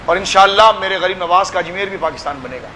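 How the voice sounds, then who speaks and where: In a big hall with a little background noise, a man with a Pakistani Urdu accent preaches passionately as a pir. His high voice sounds pushed and bright as he exhorts the crowd, addressing them as his children.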